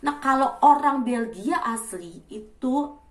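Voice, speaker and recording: A woman in her thirties in casual vlog chat, acting out loud greetings. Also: sits high, expressive, slow, reverberant, far from the mic. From Indonesia. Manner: chatty, acts out loud greetings. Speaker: vlogger.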